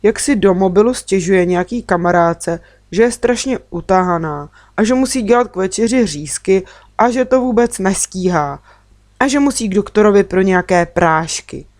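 A woman's voice: medium pitch, lively intonation, a little mellow, no echo, clean studio sound, close to an everyday voice. A woman voicing a tearful little boy. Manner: sobbing, pleading.

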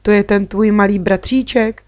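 A woman reading a storybook, voicing a cheerful, kind young girl who stays calm and friendly. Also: mid-range voice, no room sound, close to an everyday voice.

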